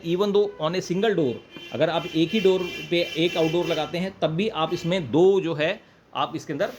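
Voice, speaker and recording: Walking through a product demo informally, an Indian man on the high side of pitch goes step by step, repeats himself and slips in English phrases. Background noise and room ambience are clearly audible.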